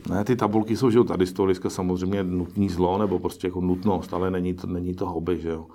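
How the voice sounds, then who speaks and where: A middle-aged man with a very low voice speaks in a flat, even tone. He is being interviewed about his work as an investor. He talks in a pragmatic, musing way, often breaking off and restarting his sentences. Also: slight background noise. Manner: pragmatic, musing, self-correcting. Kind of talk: interview answers.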